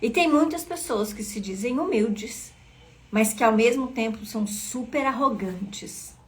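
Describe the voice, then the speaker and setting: A woman's voice: a little high, a little slow. Earnest woman leading a devotional. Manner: earnest, asks listeners questions directly. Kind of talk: devotional teaching reading from a book.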